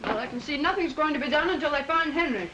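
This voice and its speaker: An actress playing a quick-tempered young bride in a 1930s film, tart and excitable. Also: female voice, high voice. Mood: peeved. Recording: dull, hissy 1930s film soundtrack.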